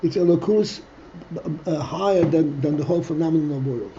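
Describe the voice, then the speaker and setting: A man teaching a text study class, reading Hebrew phrases aloud and explaining them slowly in English, stopping now and then to clear his throat. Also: on the high side, mellow, dull audio, a little hiss or hum.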